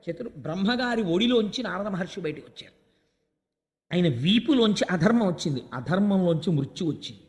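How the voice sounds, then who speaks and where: Brief: high-pitched male preacher, lively storytelling discourse, long hall reverb. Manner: animated storyteller, voicing characters' lines. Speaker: religious discourse speaker. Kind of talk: Telugu religious discourse, storytelling.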